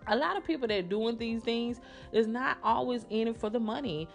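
A woman hosting a casual solo podcast, talking in a sassy, slangy, emphatic way with drawn-out words. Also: on the high side, creaky, faint music behind. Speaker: podcast host.

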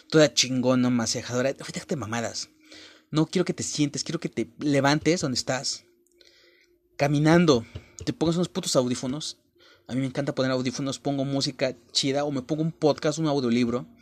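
Casting: young Mexican man, Mexican accent, podcast host, crude and blunt motivational monologue, mid-range voice. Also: mid-range voice. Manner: blunt and profane, talks straight to the listener.

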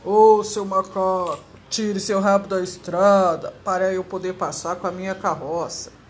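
A woman's voice: medium pitch, fairly even intonation, a little slow, slight background noise, natural voice. A woman voicing a blunt grown man who drives a cart, in a storybook read-aloud. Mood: firm.

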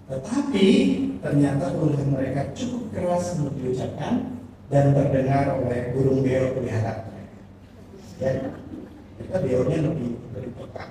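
A pastor, heard from far off in an echoey hall with background noise, shares a humorous story in his sermon and acts out what its characters say. His voice is mid-range at a normal speed.

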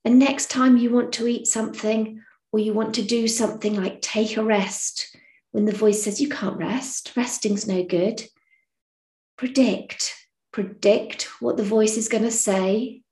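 A woman's voice: a little high, steady tone, unhurried, mellow. A woman hosting a podcast, giving casual, encouraging advice in a frank, chatty way that includes casual swearing. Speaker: podcast host. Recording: echoey room.

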